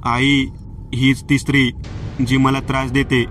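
A frightened young woman haunted by visions, read by a male storyteller in a flat, unchanging tone. The voice sits back from the mic. Faint music runs beneath. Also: medium pitch, unhurried, far from the mic, natural voice. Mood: pleading.

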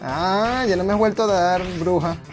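A man's voice: high-pitched, normal speed, over music. A man playing a video game at home, chatting to the characters and yelping and swearing when things get tense. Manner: excitable, yelps and swears when under pressure; chats to the game characters and reads their lines aloud. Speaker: gaming channel host. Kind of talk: casual let's play commentary.

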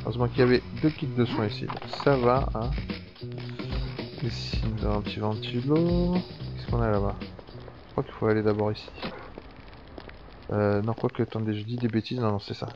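A man's voice: medium pitch, normal speed, long pauses, over music. A man giving casual gameplay commentary, chatting and swearing as he thinks aloud. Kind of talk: casual let's-play commentary. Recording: dull lo-fi sound with faint background ambience.

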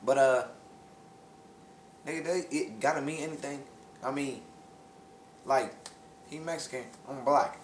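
A man's voice: medium pitch, unhurried, long pauses, echoey room, slight background noise. A man joking around in a rambling comic skit, brash and profane, repeating catchphrases. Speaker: comic co-host.

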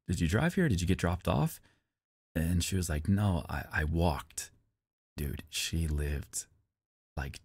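A man's voice: low voice, dry recording. A man streamer telling a long personal story in a rambling, casual way, often repeating himself and swearing.

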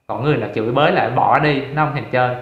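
A man's voice: medium pitch, very fast, natural voice. Man playing a contemptuous young man, harsh scolding, dull roomy recording. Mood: scornful.

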